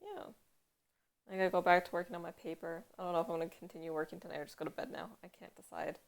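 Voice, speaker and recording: There's crowd noise behind this young West Coast Canadian woman as she talks rapid-fire in a fairly low, steady voice with some vocal fry. She's casually chatting on a stream over a headphone mic, telling meandering stories packed with "like."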